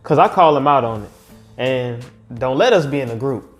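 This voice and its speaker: A man's voice: medium pitch, animated, moderate pace, faint music behind. A young man co-hosting a podcast in casual chat, laid-back and confident. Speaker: podcast co-host.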